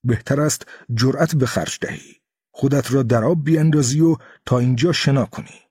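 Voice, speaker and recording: A man voicing a calm, composed master swordsman in his fifties in a storybook reading, speaking in a measured way. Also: medium pitch, slightly rough, dry recording, studio quality, lightly acted.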